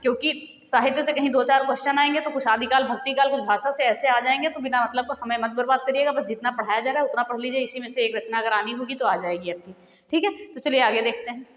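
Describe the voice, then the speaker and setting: एक महिला शिक्षिका परीक्षा की तैयारी का पाठ पढ़ाती है, तेज़ी से सूची पढ़ती है और बीच-बीच में श्रोताओं से सवाल पूछती है।. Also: female voice, a little high, a bit bright. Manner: brisk list-reading with quiz questions to viewers. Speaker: teacher. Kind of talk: exam-prep lesson. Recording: echoey room with long reverb.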